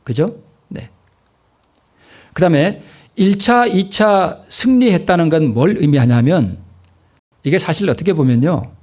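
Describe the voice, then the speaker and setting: Pastor guy preaching, husky voice, kinda high, keeps asking the crowd stuff then answering it. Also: animated, a little slow, pauses often, darkish tone. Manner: asks the congregation questions and answers them himself; repeats key phrases for emphasis. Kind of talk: sermon.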